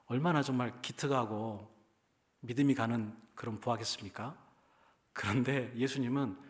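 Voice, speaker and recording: Speaking with a Jeolla Korean accent, a male pastor from the Jeolla region delivers his sermon at a middle pitch. His style toward the congregation is conversational, and he keeps turning to them with rhetorical questions.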